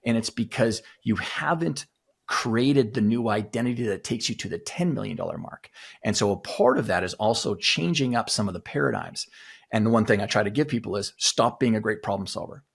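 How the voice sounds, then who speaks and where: A man's voice: on the low side, vocal fry, fairly bright tone, husky. A man who coaches athletes on mindset, explaining his ideas emphatically as a guest in a podcast interview.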